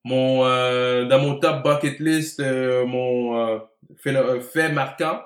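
A man from Montreal, Canada, in his late twenties, speaks slowly with a Quebec French accent, his mid-range voice keeping a fairly even intonation. He chats casually, slipping English words into his speech, in a roomy, echoey space.

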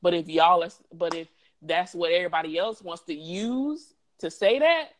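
Woman co-host, lower pitch, casual chat, reflective and opinionated. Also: normal speed, low-quality recording. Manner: reflective, opinionated, repeats words for emphasis. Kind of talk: casual podcast discussion.

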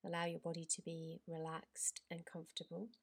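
Woman yoga teacher for guided relaxation; slightly low, breathy tone, very slow, soothing delivery with whispered lines. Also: completely flat delivery.

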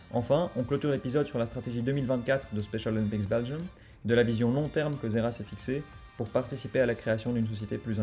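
A man hosting a podcast, introducing the episode and questioning his guest in a brisk, informal way. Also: medium pitch, mellow. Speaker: podcast host.

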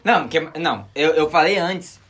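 A young man with a southern Brazilian accent from Rio Grande do Sul, a podcast co-host telling a story in slangy, animated casual chat. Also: on the high side, normal speed.

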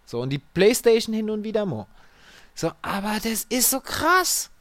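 Chatty tech support storyteller, slangy and exasperated, animated pitch, dry close sound. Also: normal speed, no echo. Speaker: tech support worker telling customer stories. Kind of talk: casual storytelling.

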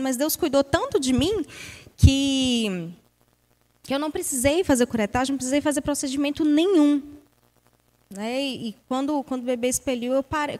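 Young woman telling her faith story, high voice, earnest and emotional. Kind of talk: personal testimony.

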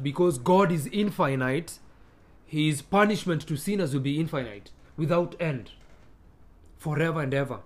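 Male pastor, slightly high voice; sermon delivery, scripture reading into emphatic preaching with hesitations. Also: a bit bright. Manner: reads scripture aloud, then preaches with rising emphatic bursts; frequent hesitations and repeated words.

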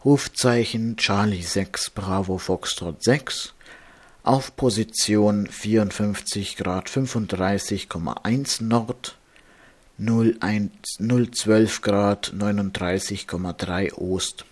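A man reading a marine radio bulletin of nautical warnings as an announcer, in a formal, measured manner, carefully spelling things out. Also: fairly low pitch, darkish tone.

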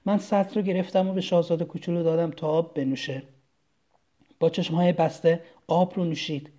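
Calm, mellow storybook narrator. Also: medium pitch.

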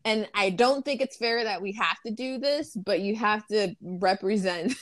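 A woman's voice: mid-range voice, normal speed, dry recording. Blunt, profane woman co-host; casual talk, no room sound. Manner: frank and blunt, swears freely. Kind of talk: casual conversation.

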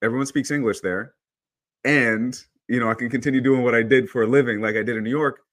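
A man's voice: medium pitch, fast talker. A man in his thirties, born in El Salvador, telling his story as a photographer guest in a casual interview. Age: 30s. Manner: chatty, storytelling, relaxed.

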